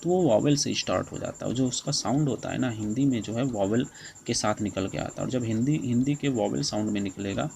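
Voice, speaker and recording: A young man teaches English grammar in Hindi, addressing his viewers as friends again and again. His voice has a gravelly edge of vocal fry and stays at a middle pitch. A faint hum of noise and chirping insects sits behind him. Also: a little mellow, low-quality recording. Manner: repeats "friends" often, explains slowly; reads English rules slowly and deliberately.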